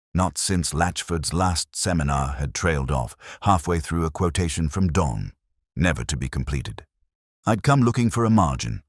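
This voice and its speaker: Inspector Morse, very deep brooding detective played by a man. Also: no echo, studio quality. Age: middle-aged. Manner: measured, literary, brooding. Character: greying, sharp-witted, rumpled, melancholy English police inspector. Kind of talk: scripted first-person detective audio drama narration.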